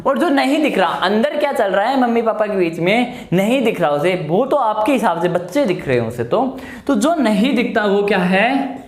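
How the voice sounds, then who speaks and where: A male biology teacher giving an exam-prep lecture, asking his class questions and answering them himself, repeating key terms and using homely examples. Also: high voice. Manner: explains with homely everyday examples in a coaxing tone. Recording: echoey room.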